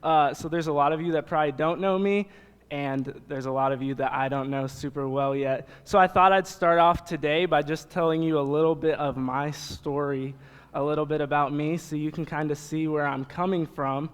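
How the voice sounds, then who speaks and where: Joking around conversationally, this young American youth pastor from Nebraska gives a casual sermon to a congregation in a church hall. His higher voice is clear and resonant, fairly even in intonation at normal speed, with reverberant hall sound.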